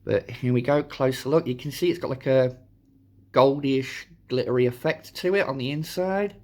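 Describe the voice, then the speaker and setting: A man hosting a casual, chatty toy review, his voice hoarse from a sore throat. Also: mid-range voice, normal speed, dark tone. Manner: informal, chatty. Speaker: host of a toy review channel.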